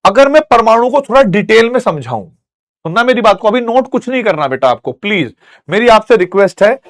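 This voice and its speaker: A man's voice: sits high, a little fast. A male teacher giving a classroom lecture, telling stories and making sound effects to explain a point. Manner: animated storytelling with sound effects.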